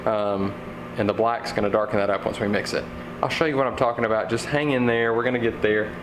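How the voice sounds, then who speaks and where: A young man hosts a casual how-to vlog from his home garage workshop, relaxed and chatty, thinking aloud with fillers as he works. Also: on the low side, quick pace. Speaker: fishing channel host. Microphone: camera mic. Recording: echoey garage with background noise.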